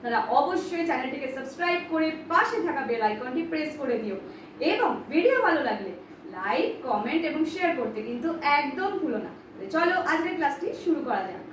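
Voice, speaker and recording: A woman with a high voice leads an online spoken English lesson. She drills each phrase slowly and clearly and cheers her students on. Her voice rings around a very echoey room, picked up from some distance away. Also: very animated, slight background noise. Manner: slow, clearly spaced drilling of words; friendly, encouraging to students. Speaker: English teacher.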